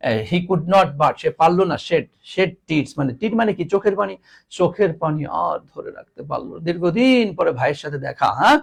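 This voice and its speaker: A man's voice: a little high, expressive, a little fast, gravelly. A man teaching an English grammar class, repeating each word and teasingly scolding his students. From Bangladesh.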